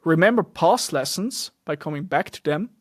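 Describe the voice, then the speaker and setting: A young Swiss podcast host with a slightly high voice and lively intonation speaks English at a moderate pace. The recording is dry and studio quality. German is his native tongue, and his solo talk is sincere but loose, often restarting and leaning on fillers.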